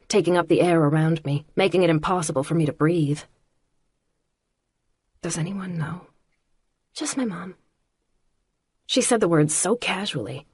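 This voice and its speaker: A woman narrating an audiobook in the first person with a measured, quietly intimate reading. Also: low-pitched, husky.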